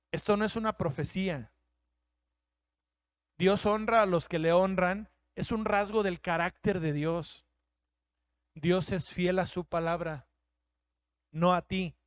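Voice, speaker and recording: A male pastor with a Mexican Spanish accent delivers an emphatic sermon and acts out the voices he quotes. His voice sits high and rings smooth and resonant. The sound is dry and close. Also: fairly even intonation, slow pace, long pauses, no echo.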